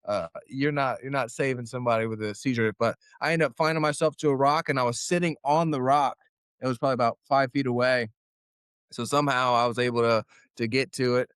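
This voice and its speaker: A man's voice: medium pitch, steady tone, brisk, a bit bright, clear, resonant tone, dry recording, clean studio sound. A young man, a guest fighter, telling a story in a casual interview and acting out his own quotes.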